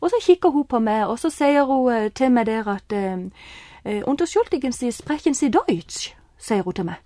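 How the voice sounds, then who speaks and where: A woman telling a lively personal story, excited bursts mixed with quieter asides. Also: fairly high pitch, no room sound, studio quality. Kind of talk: animated personal anecdote.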